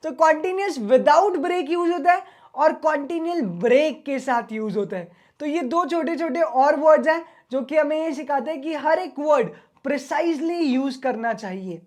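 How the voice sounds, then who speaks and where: High-voiced casual male teacher. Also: expressive, unhurried. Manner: casual, chatty, mixes Hindi and English. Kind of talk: online exam-prep lecture.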